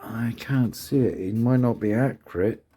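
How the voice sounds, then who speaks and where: A man's voice: medium pitch, moderate pace, mellow, slight background noise. A man building a scale model kit, mumbling and thinking aloud to himself in a casual commentary to his viewers.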